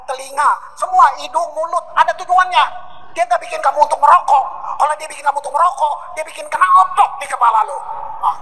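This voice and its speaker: Pastor, male, middle-aged; high bright voice, animated sermon storyteller with casual slang. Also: low-quality recording.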